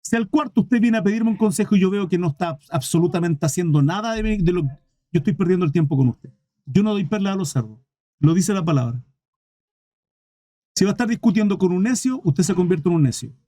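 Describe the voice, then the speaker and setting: High-voiced emphatic preacher. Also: male voice, lively intonation, fairly quick, warm tone, no room sound, studio quality. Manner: emphatic, repetitive, addresses the congregation directly. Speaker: pastor. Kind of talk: sermon.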